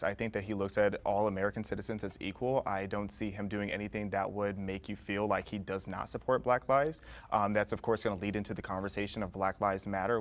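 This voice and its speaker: A man debating on a panel, firm and confident. His voice sits low and stays flat. He talks quickly. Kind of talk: debate discussion.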